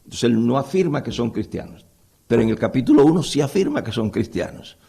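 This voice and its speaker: A man's voice: mid-range voice, lively intonation, a little fast, vocal fry, warm tone, breathy edge. A man lecturing on the Bible to a live audience in a conversational way, often putting rhetorical questions to his listeners.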